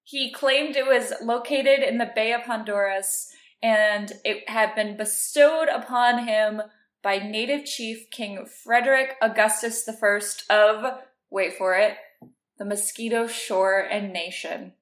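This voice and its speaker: A woman's voice: a little high, a little slow. A woman co-hosting a casual podcast chat, laughing often and explaining facts. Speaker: podcast co-host. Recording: roomy echo.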